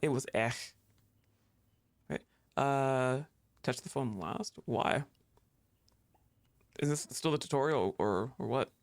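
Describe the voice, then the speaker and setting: Speaking slowly in a mid-range voice and pausing often, a streamer chats through a game, thinking aloud with fillers and restarts. They laugh frequently and talk back at the screen.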